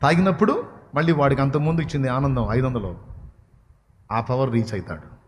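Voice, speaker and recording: A man's voice: medium pitch, fairly quick. A man preaching a sermon, impassioned and questioning his listeners, at times rising to pleading cries. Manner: asks the audience questions. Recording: long hall reverb.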